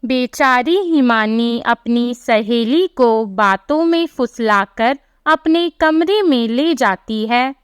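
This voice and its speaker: Slow, high-voiced woman narrating a story. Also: expressive, clear, resonant tone, no echo, studio quality.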